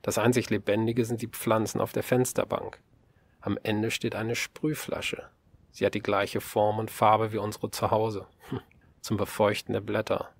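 A man giving a calm, measured first-person narration in an audiobook. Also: on the low side.

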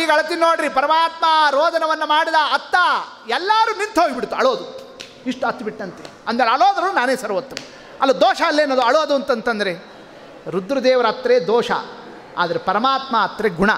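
A man, giving an animated storytelling sermon and putting questions to the audience. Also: high-pitched, a little hiss or hum. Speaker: religious discourse speaker. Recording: long hall reverb.

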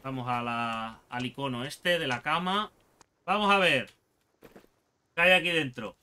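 A man with an accent from Spain giving excitable, foul-mouthed let's play commentary as a gaming channel host, taunting enemies as he plays. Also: medium pitch, unhurried, clear, resonant tone. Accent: Spain Spanish.

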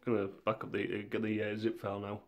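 A man with a cold talking through a screen tutorial in a monotone, laid-back way. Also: lowish voice, fast. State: has a cold. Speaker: tutorial maker.

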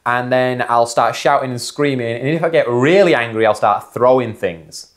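A man playing a blunt, hot-tempered male job applicant in a comedy skit, speaking flatly in a put-on Indian accent. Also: mid-range voice, normal speed, voice pushed down, close to an everyday voice.

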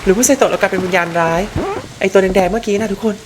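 A young woman streaming a horror game live, talking to her viewers in a chatty, excitable way, swearing freely and squealing at the scares. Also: medium pitch, very fast, background noise.

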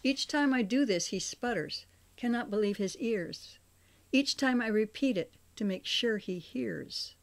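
An older woman, the author, reading her memoir aloud as an audiobook in a measured, expressive way. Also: fairly high pitch.

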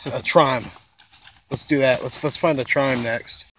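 A man's voice: medium pitch, fairly even intonation, measured pace, a bit bright. A young man chatting casually as a treasure hunter on a vlog. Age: young adult. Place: outdoors, on lawn and river water. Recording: noisy outdoor handheld camera audio.

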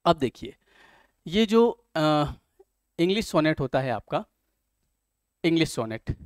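A man teaching an exam-prep lecture, explaining step by step, asking questions and answering them himself, and reading English passages slowly. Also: a little high, very animated, no room sound, studio quality.

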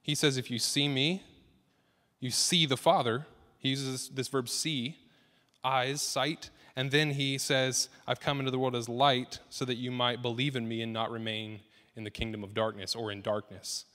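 A man's voice: mid-range voice, steady tone, moderate pace, sharp tone. A man in his thirties, a pastor giving an earnest, conversational sermon that builds in emphasis. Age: 30s. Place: church sanctuary. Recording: long reverb of a church hall.

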